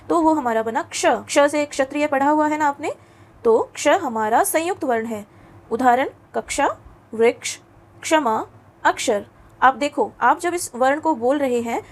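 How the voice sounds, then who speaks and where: High-pitched lady teacher, patient with kids, keeps asking if they got it, slows down to sound out letters. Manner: patient, coaxing, asks pupils questions; mixes English words into Hindi. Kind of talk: classroom lesson for children.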